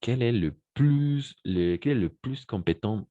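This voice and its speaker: A man teaching French to Spanish speakers, who repeats phrases slowly and switches into Spanish to explain. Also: medium pitch, animated, dark tone, dry recording, lo-fi sound.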